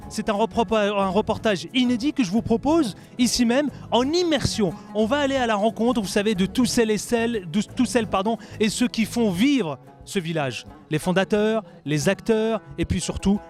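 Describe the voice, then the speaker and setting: A man presenting and interviewing on location as a television reporter, in emphatic short phrases. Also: sits high. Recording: faint music behind.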